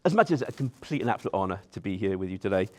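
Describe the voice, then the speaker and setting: A man's voice: sits low, lively intonation, racing, a little mellow. A man giving an informal best man's speech to wedding guests, nervous, self-deprecating and joking as he goes. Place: wedding reception in front of seated guests.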